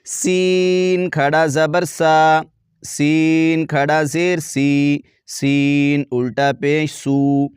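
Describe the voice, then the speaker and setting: A man with a Pakistani Urdu accent teaching Quran reading to beginners, drilling letter sounds slowly and adding quick explanations. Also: on the high side, flat delivery, clean tone, no room sound, clean studio sound. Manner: slow drawn-out syllable drills, brisk asides explaining pronunciation. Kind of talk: slow recitation lesson with explanations.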